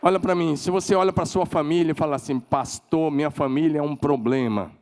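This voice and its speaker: A man with a Brazilian Portuguese accent preaching a sermon as pastor, emphatic, leading call-and-response and climbing to shouted declarations. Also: fairly high pitch, fairly quick, clear, resonant tone, a faint crowd. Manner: leads the congregation in call-and-response.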